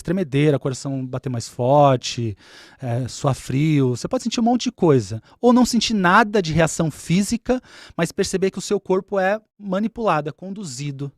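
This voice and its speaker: A man appears as a guest on a podcast, describing his practice as an Umbanda spiritual leader and patiently repeating the key points. His fairly high voice is captured in a dry, studio-quality recording.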